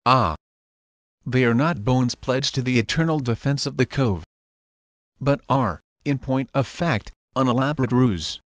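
A man's voice: medium pitch, measured pace, dry recording, lightly acted. A man voicing a wily, flippant pirate captain in a motion comic, with a wordy, theatrical manner. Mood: sly, flippant. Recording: background music under the voice.

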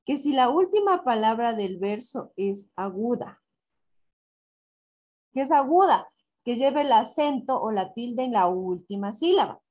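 A woman teacher explains a lesson in a slow, deliberate way, going step by step. She counts syllables out loud and asks herself questions before answering them. Her voice sits a little high. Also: very animated. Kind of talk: recorded online class. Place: school in Ecuador.

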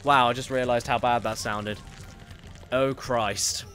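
A man's voice: mid-range voice, steady tone, unhurried, a bit bright, soft background music. A man streaming a video game, chatting casually and reading viewer messages aloud, rambling and correcting himself as he goes. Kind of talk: casual gameplay commentary.

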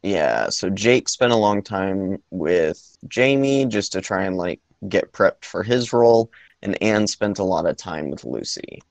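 A man chats slowly through a movie podcast, with frequent pauses and restarts. His voice sits very low and has a gravelly fry to it. The recording is dry and close. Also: expressive, dry recording. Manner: hesitant, many ums and restarts. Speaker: podcast co-host. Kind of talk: casual movie podcast chat.

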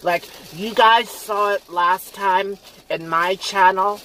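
A man's voice: high voice, fairly even intonation, takes it slowly, pushed and bright, slight background noise. A man from Canada hosting a casual eating vlog, chatty and giggly with cheeky jokes. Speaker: vlog host. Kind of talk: casual mukbang chat.

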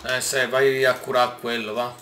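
A man giving casual gameplay commentary, excitable and exclaiming often as he talks to his viewers. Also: mid-range voice, moderate pace, reverberant, soft background music. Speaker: gaming YouTuber.

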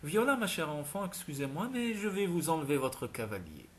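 A man voices a hearty older host, brisk and genial, a touch higher than his usual voice. He commands the ballroom in an audiobook. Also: big pitch swings, a bit bright, a little hiss or hum.

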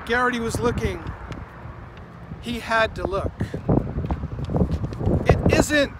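A man's voice: extremely high pitch, animated, slow. A man in his forties walking along a rural road, filming himself on a phone held at arm's length and chatting in a rambling, self-correcting way between passages he reads from a book. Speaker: vlogger. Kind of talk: walking vlog with book reading. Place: outdoors on a rural roadside. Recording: loud wind noise on phone mic. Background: wind and passing vehicles.

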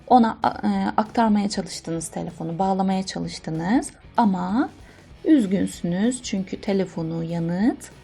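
Patient woman teaching slowly. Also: mid-range voice, warm tone, faint music behind. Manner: clear, patient explaining, mixing English phrases with Turkish translations. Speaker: English teacher. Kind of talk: lesson explaining English phone phrases in Turkish.

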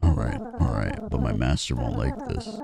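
A man reading the lines of an eerie magical doll in a video game, in a calm, matter-of-fact way. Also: a bass voice, normal speed, gravelly, loud music behind the voice.

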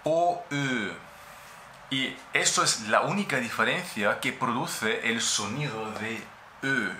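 A man from Austria, a German speaker with an Austrian German accent, gives a relaxed Spanish-language lesson on pronunciation and patiently repeats each sound many times. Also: mid-range voice, measured pace, roomy sound, slight background noise. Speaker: German teacher.

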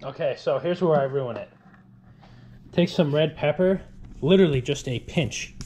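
A Rhode Island man in his 20s narrates a casual home cooking vlog from his indoor kitchen, informal and emphatic, often repeating himself. His voice is fairly high and mellow at normal speed, captured by an action camera close or at arm's length, with clear background noise and clicks.

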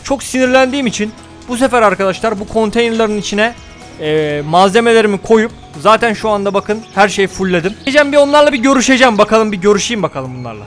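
A man giving casual let's-play commentary, excitable, talking to his viewers and cursing at the game. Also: sits high, fast talker, soft background music. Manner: excitable, talks to viewers, mutters and curses at the game. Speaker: gaming YouTuber.

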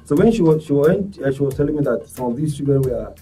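A man, a charity volunteer speaking as a guest in earnest, halting talk full of restarts. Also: medium pitch, lively intonation, warm tone. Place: studio set. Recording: distant mic, faint music behind.

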